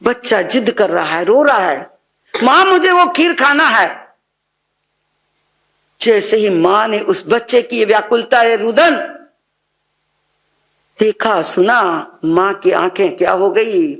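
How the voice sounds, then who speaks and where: A woman preacher tells a devotional sermon story at a slow, deliberate pace. She stresses key words emphatically. She often stops to ask her listeners rhetorical questions. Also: medium pitch, gravelly. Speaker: Jain nun preacher.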